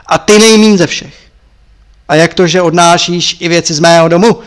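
A man voicing a stern, furious old male master who yells and scolds harshly. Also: on the high side, clear, resonant tone, lightly acted.

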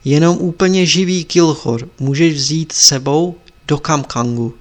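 A man's voice: a little high, lightly acted. A man voicing an old male sorcerer who teaches his apprentice in a solemn, instructive way in a storybook reading.

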